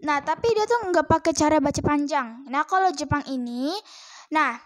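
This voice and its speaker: A woman's voice: high voice, moderate pace, dry recording. A woman giving a casual lesson from a book, chatty and hesitant with many fillers. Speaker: self-taught language learner teaching viewers.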